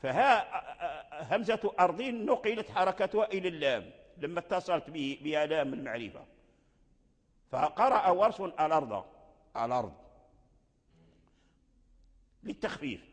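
A somewhat high-voiced man gives a recitation lesson, going back over each example word again and again. His voice trails off into a long hall reverb. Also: lively intonation, moderate pace, slightly rough. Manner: explains by repeating each word several times. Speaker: Quran recitation teacher. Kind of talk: classroom lesson explanation.

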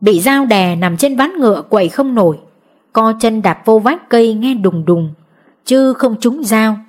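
A woman narrating an audiobook in a steady storytelling manner. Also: fairly high pitch, a little slow.

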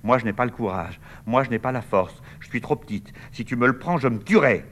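A man's voice: medium pitch, fairly quick, fairly bright tone, natural voice. A man reading a play aloud, voicing a fragile young woman who is tearful, lovesick and pleading.

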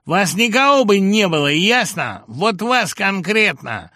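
A man voicing an aggressive, belligerent man who shouts and hectors people. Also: high voice, big pitch swings, measured pace, dry recording, clean studio sound, voice pushed up, exaggerated voice. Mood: hectoring.

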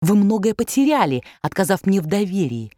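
A woman's voice: medium pitch, sing-song, brisk, mellow, dry recording, lightly acted. A woman voicing a sly male police spy with dry, shrugging understatement.

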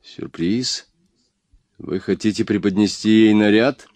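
A man's voice: lowish voice, measured pace, darkish tone, no room sound, lightly acted. A man reading as a timid, apologetic would-be robber. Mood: sheepish. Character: timid, hapless young man posing as a robber. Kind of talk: audiobook reading.

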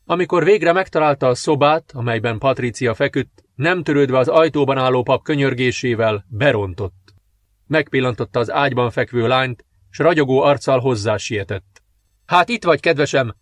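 A man reading a fantasy audiobook in a measured, dramatic narration. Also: medium pitch, no room sound. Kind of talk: scripted narration.

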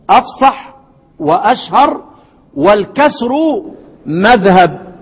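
Egyptian sheikh, high husky voice, long echo. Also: male voice, dull audio. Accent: Egyptian Arabic. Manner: asks the class questions and repeats answers; breaks into slow chanted recitation. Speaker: sheikh teaching Quran recitation. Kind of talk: classroom lesson. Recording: long hall reverb.

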